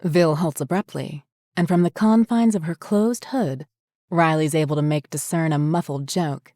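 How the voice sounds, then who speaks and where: A woman narrating a horror short story in a measured, descriptive way. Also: deep voice, dark tone, no room sound, studio quality.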